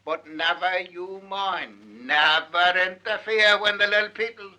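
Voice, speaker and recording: A man from the Isle of Man, a student of Manx, gives a dramatic, forceful recitation of dialect poetry in his Manx accent, captured in a 1948 archive field recording. His voice is high-pitched, bright, and a little slow.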